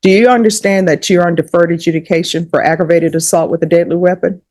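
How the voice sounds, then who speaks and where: A woman judge speaks in a fairly low voice. She asks her questions at a steady, measured pace and keeps to procedural wording. The sound is recorded in a courtroom.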